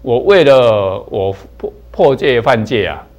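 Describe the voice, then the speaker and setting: A man's voice: mid-range voice, animated, slow, darkish tone. A man voicing a captive king who earnestly pleads that he must keep his promise. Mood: pleading.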